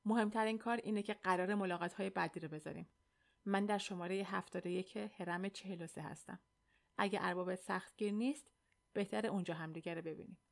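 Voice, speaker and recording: A woman reading the hushed lines of a gaunt, weary young man who is held as a slave, in an audiobook. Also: close to an everyday voice. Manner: low hushed speech.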